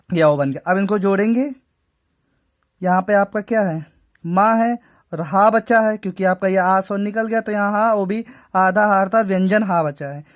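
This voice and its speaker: Patient woman teaching a grammar lesson. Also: mid-range voice. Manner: patient, repeats each step with "ठीक है".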